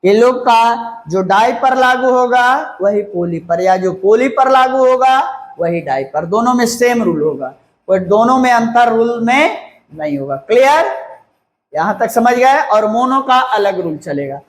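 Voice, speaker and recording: A man teaching a grammar lesson to a class. He talks slowly and repeats key words, spells them out letter by letter and keeps checking whether the class understood. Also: very high-pitched, animated. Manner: slow, repeats and spells words out, asks "clear?". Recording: echoey room.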